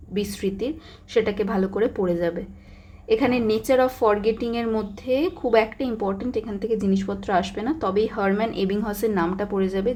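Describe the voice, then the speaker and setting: Woman, young adult teacher, exam revision lesson, emphatic and repetitive, mid-pitched voice. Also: a little mellow. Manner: emphatic, repeats key points, mixes English terms. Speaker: psychology teacher.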